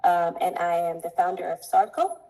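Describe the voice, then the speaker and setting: A young adult woman from Ethiopia, a coffee importer speaking earnestly as an interview guest, with many pauses to think. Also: lowish voice, fairly even intonation, mellow, rough recording. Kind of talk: interview conversation.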